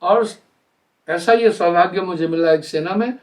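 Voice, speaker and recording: Older guy preaching, fairly high voice, slow and careful explaining, sounds a bit far from the mic. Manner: deliberate, explanatory, slows to spell out sounds. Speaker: spiritual teacher. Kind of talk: live spiritual discourse.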